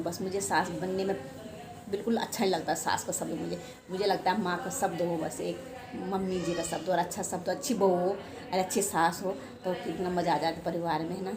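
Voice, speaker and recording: A woman's voice: fairly low pitch, steady tone, a little fast, a crowd in the background. An older woman chatting casually to her vlog viewers, rambling and self-deprecating. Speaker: home vlogger. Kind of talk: casual chat to camera.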